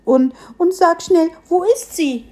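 A woman's voice: very high-pitched, takes it slowly, darkish tone, voice pushed up. A woman voicing a small, tearful boar piglet who stammers and sobs as it talks. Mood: hopeful. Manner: sobbing, stammering.

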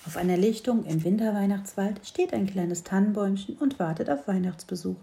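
A woman calmly reading a children's Christmas story aloud. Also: medium pitch, a little fast, gravelly.

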